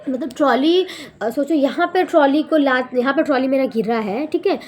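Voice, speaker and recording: A young woman vlogger telling a long story in a casual, animated way, correcting herself as she goes. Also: high voice, normal speed. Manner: animated, rambling retelling with self-corrections.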